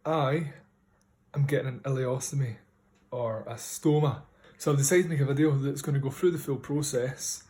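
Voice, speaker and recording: A man's voice: medium pitch, steady tone, normal speed, dark tone. A man with a strong, broad Scottish accent, talking casually in a personal video diary and taking care to be understood. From Scotland. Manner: speaking carefully to be understood. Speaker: vlogger.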